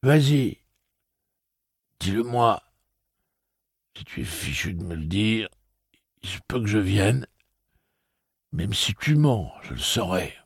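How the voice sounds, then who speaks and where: A man voicing a distraught, frightened young man who sobs and pleads in a shrill voice. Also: animated, slow pace, creaky, pauses often, breathy edge, no room sound, studio quality, full character voice. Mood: quietly wary.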